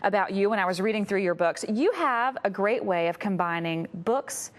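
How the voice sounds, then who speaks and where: A woman's voice: mid-range voice, lively intonation, normal speed. Southern American woman hosting morning TV. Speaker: TV show host. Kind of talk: morning talk show interview. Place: TV studio.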